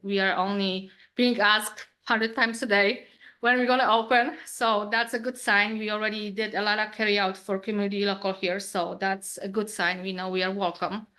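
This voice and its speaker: A woman's voice: medium pitch, fairly even intonation, moderate pace, pushed and bright. A woman from Poland with a Polish accent, speaking English informally with frequent fillers as a restaurant owner addressing a town council. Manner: informal non-native English, hesitant fillers. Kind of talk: public comment at a meeting.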